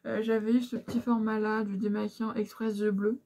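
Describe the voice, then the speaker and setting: A woman's voice: medium pitch, flat delivery, a little fast, warm tone. A young woman frankly chatting through beauty products she has used up, with lots of fillers and asides. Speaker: beauty vlogger. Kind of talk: casual product review chat.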